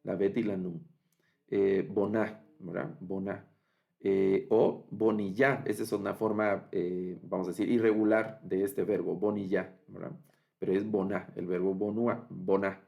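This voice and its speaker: A man teaching a recorded online lesson, speaking slowly, repeating word forms and pausing with fillers. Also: low voice, little pitch movement, creaky, highs cut off. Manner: slow and repetitive, spells out forms with many fillers. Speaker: biblical Hebrew teacher.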